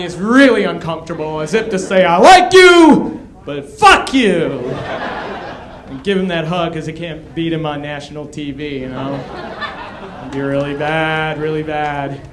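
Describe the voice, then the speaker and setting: A man in his thirties doing a stand-up comedy set, with a loud, punchy delivery and crowd work. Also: fairly high pitch, slight background noise. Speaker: stand-up comic. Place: comedy club stage. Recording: echoey club room. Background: audience laughter.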